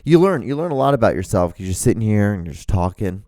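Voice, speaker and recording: Seated at home before a camera, this thirty-something podcast host from Honduras talks into a studio mic with earphones on, rambling casually and profanely and restarting often. He talks fast in a lowish, dark voice with big swings in pitch. The sound is clean studio audio with no echo.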